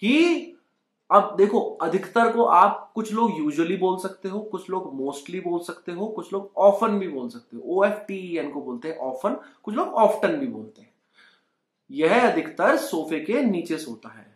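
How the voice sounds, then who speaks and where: In an echoey room at home, a young Indian man runs a Hindi-English language lesson, urging learners to repeat his sentences as he teaches spoken English in Hindi. He sits high in pitch and sounds very animated, though his pace stays measured.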